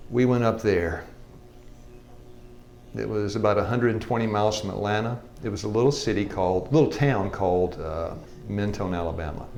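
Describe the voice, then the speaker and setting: His low, creaky, slightly mellow voice echoes around a classroom, with a little hiss or hum, as this sixty-something health evangelism teacher tells a live audience his life story. It's a personal testimony, folksy and joking, with frequent laughter.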